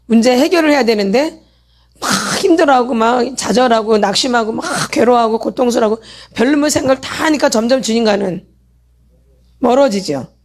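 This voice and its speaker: A middle-aged woman leading a church healing meeting who keeps asking the audience questions and answering them herself. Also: on the high side. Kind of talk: sermon lecture with call-and-response questions.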